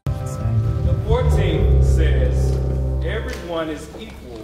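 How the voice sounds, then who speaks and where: Over loud music, a stage narrator with a fairly high voice delivers a readers theatre oration in a sing-song way, stretching out his words. He is emphatic and declamatory like a preacher, trading call and response with the audience, captured from afar in a very echoey live hall.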